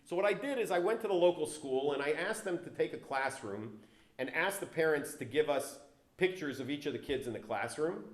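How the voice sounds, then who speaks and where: A guest speaker, a man with a low voice, tells business stories to an audience in an event hall, talking a little fast. He's animated, jumping in pitch and loudness on key words. He uses a handheld or stand mic but sometimes steps away from it, and the hall gives a roomy echo.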